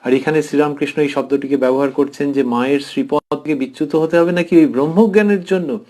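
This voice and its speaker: A man giving a devotional lecture commentary as a professor, reflective and tender, pausing thoughtfully and slowing down to dwell on phrases. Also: fairly high pitch. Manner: thoughtful pauses with soft fillers.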